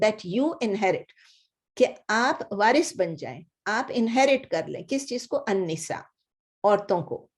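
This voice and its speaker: Woman, scripture teacher, slow and deliberate, repeats and glosses each word. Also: mid-range voice, a little mellow. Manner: explains slowly, repeating words and glossing them in English; mixes Hindi-Urdu with English and Arabic recitation. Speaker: Quran teacher. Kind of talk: word-by-word Quran lesson.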